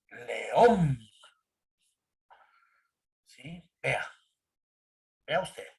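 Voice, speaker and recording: A man's voice: high voice, pushed and bright. A man teaching an online grammar class, constantly checking in with his students and quizzing them. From Ecuador. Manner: keeps checking in with "¿sí?" and questioning students.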